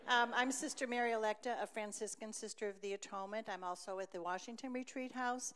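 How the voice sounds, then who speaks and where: A Franciscan sister from upstate New York introducing herself at a meeting, chatty with joking asides. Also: female voice, a little high, steady tone, fast talker, a bit bright.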